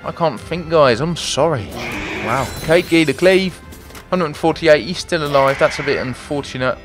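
A man's voice: on the high side, normal speed, over music. A man hosting a let's play video, chatting, thinking aloud, and joking at his own expense as he plays. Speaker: gaming video host.

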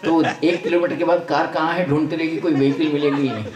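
An older man, a spiritual teacher, preaches a folksy sermon to a gathering, alternately blessing and scolding them. His voice is fairly high and steady, and he talks fast over loud background music. He sits far from the mic, so the sound is roomy.

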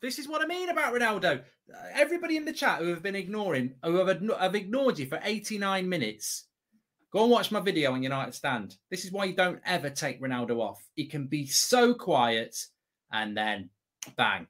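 A man's voice: high-pitched, very animated, fairly quick, a bit bright. A man hosting a football watch-along, chatting casually about the live match and repeating phrases for emphasis. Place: indoor desk streaming setup.

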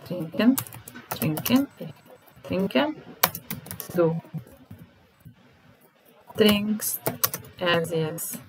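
A woman teaches German words, speaking in English between them and saying each one slowly, over and over. She talks at a very deliberate, unhurried pace in a somewhat low voice. Music plays clearly underneath her. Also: rough recording. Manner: slow and deliberate, repeating each word and conjugating verbs. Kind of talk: slow vocabulary lesson, explaining in English.

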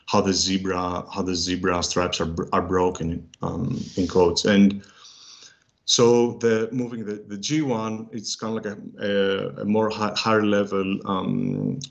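A man giving a technical workshop presentation, halting and full of fillers and restarts. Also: low-pitched, vocal fry, lo-fi sound. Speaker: workshop speaker. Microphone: video call.

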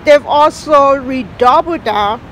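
A woman's voice: high-pitched, slow, low-quality recording. A middle-aged woman hosting a news wrap and interview outdoors in a city park, speaking with frequent hesitations and fillers. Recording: outdoor park with crowd and traffic noise.

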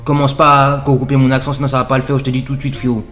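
A man's voice: medium pitch, monotone, racing, close to an everyday voice. A young man voicing a cocky, touchy young Guadeloupean man with a thick Guadeloupean accent, speaking in an exaggerated, indignant way. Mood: offended. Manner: exaggerated, indignant, keeps repeating "frérot". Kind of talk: prank role-play on video chat.

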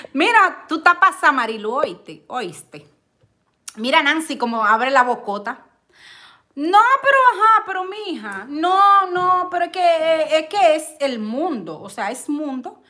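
A middle-aged woman chatting on a live stream, reading viewer comments with lots of excited exclamations and loud laughter. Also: sits high, slow. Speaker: vlogger hosting a live stream.

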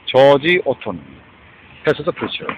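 Recorded outdoors, a man rambles through an agitated rant, often breaking off with a questioning "huh?" and slipping in English phrases. His mid-range voice is animated but slow. The lo-fi recording is dull, with slight background noise.

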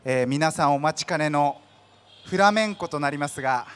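A man's voice: a little high, normal speed. A man emceeing an outdoor festival stage, politely building up to an introduction in formal announcer style. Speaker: event emcee.

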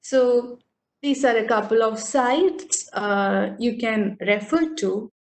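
A woman's voice: a little high, slow pace. A woman lecturer with an Indian English accent, patiently explaining poetry and often checking that students follow. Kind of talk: online literature lecture. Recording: echoey room.

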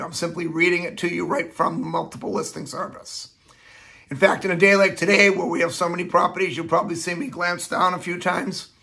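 An older man presents a property update in an informal video style. His voice sits high for a man, with a gravelly rasp and a bright, forceful edge. He sounds hoarse and a little nasal, as if recovering from the flu. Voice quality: raspy, slightly nasal. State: hoarse, getting over flu. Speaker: real estate agent presenting market update. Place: small furnished living room, indoors.

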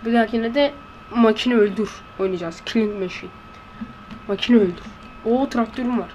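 A woman giving let's-play commentary in a hushed voice, blurting excitable reactions and slang while playing. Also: fairly high pitch, normal speed, slight background noise. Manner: talking in a hushed voice. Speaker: gameplay commentator. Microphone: close to a desk microphone.

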